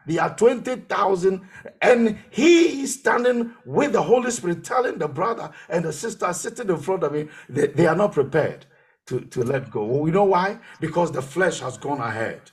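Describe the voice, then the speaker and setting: A man pastor preaching a sermon, telling his own testimony and repeating phrases for emphasis. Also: sits high.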